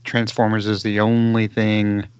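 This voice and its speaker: A man co-hosting a film podcast, chatty and quick to laugh. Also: on the low side, monotone. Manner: chatty, laughs at his own jokes. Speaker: podcast co-host. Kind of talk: casual chat. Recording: dry, dull lo-fi podcast audio.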